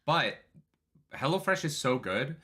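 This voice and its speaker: A man's voice: fairly high pitch, unhurried, a little hiss or hum. A man in his thirties co-hosting a casual livestream chat, reading viewer messages aloud and talking animatedly. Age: 30s. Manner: animated, reads chats aloud. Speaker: co-host.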